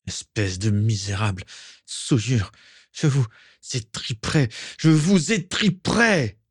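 A man voicing a bitter, humiliated teenage boy wizard who hisses and shouts with spite. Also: on the low side, steady tone, measured pace, husky, no room sound, studio quality. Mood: furious shouting.

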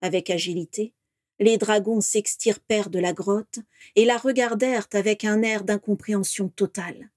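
A woman narrating a fantasy story in a steady, expressive reading voice. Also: medium pitch, moderate pace, dry recording, studio quality. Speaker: audiobook narrator. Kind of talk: scripted narration.

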